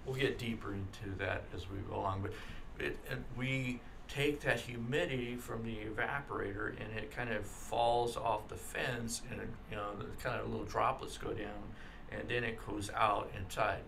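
A man teaching an automotive class over slides, talking in a halting way with many fillers and restarts and frankly adding his own opinions. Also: lowish voice, fairly even intonation, vocal fry, a bit bright, slight background noise. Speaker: automotive instructor. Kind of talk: slide lecture.

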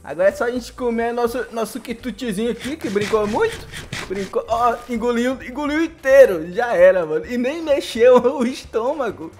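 A young man with a Brazilian accent giving excitable, slangy live commentary over gameplay and laughing often. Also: very high-pitched, normal speed. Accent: Brazilian Portuguese. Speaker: gaming YouTuber.

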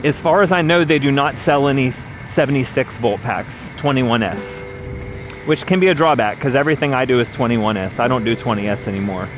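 A man's voice: mid-range voice, brisk. A man in his thirties giving practical, matter-of-fact advice while riding a four-wheeler outdoors, recorded on an action camera. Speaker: vlogger, electric vehicle builder. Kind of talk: casual explanatory ride-along talk. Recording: dull lo-fi action camera audio with music underneath. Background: background music.

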